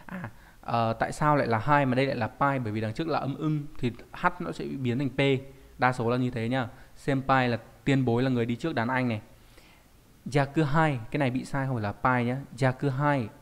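A man teaches an online Japanese lesson in a plain, middle-pitched voice. He explains step by step and keeps checking in with rhetorical questions. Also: fairly even intonation, fast.

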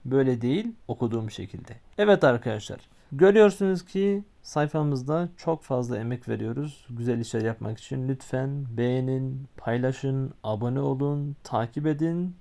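A man teaching the alphabet in a language lesson, slowly spelling out example words one at a time. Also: mid-range voice, warm tone. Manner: slow, deliberate pronunciation of example words.

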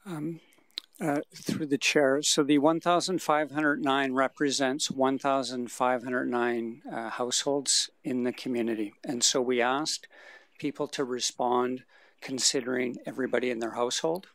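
Gravelly man answering council questions. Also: mid-range voice, steady tone, a bit bright, dry recording. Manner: measured, explanatory, with fillers. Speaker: consultant presenting survey results. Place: council chamber. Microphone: desk microphone.

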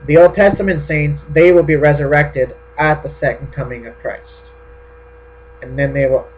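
A man preaching a sermon in an explanatory way, often checking in with his listeners. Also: fairly high pitch. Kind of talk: sermon teaching on prophecy. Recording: tinny phone-like line with mains hum.

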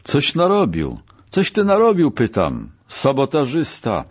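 A man voicing a furious, bullying male camp commandant who shouts abuse. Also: mid-range voice, big pitch swings, slow pace, breathy edge, dull audio, full character voice. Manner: shouting, abusive.

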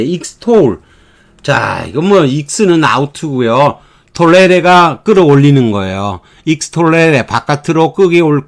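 A middle-aged man teaching English vocabulary, repeating words aloud and mixing English terms into his explanations. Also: fairly high pitch. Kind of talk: vocabulary lecture.

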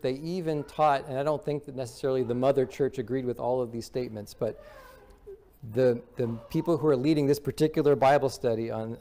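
Standing at a wooden pulpit in the sanctuary, a man in his forties delivers a sermon as a guest minister. He speaks in a warm, mid-range voice, earnest in his explanations and fond of emphatic lists.

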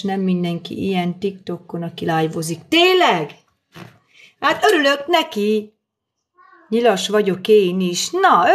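Middle aged woman chatting away on a phone live stream from a kitchen, thanking everyone as she cooks, voice a bit on the high side. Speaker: livestream host. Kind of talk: casual live-stream chat while cooking. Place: home kitchen at her daughter's. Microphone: phone camera.

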